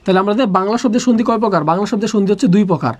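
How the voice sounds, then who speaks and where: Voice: medium pitch, rapid-fire. A teacher leading a live online grammar class, repeating each question and then answering it. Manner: drills by asking a question, then answering it, many times over.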